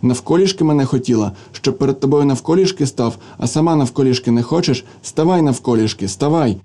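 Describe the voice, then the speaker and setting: A man's voice: mid-range voice, fairly quick, dark tone, lightly acted. A man reading the part of a proud, spiteful young engineer, in a cold and cutting manner. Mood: menacing.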